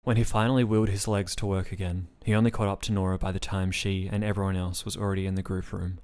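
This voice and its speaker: Deep-voiced man reading a story. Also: little pitch movement, fast talker, a little mellow, smooth. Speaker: narrator. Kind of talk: audiobook-style story reading.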